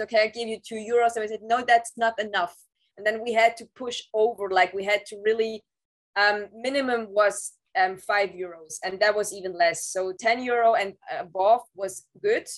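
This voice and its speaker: A woman's voice: mid-range voice, rough recording. Woman recounting her past over a video call. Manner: halting, with frequent restarts and "um" fillers. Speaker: interview guest, former Scientology staff member. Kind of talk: casual recounting of past experiences. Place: home room, indoors. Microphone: video call, laptop camera mic.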